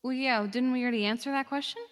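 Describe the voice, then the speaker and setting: A woman's voice: sits high, fairly even intonation, fast, in a large hall, close to an everyday voice. A woman playing an easygoing, agreeable customer in a casual game role-play, hesitant and repeating phrases.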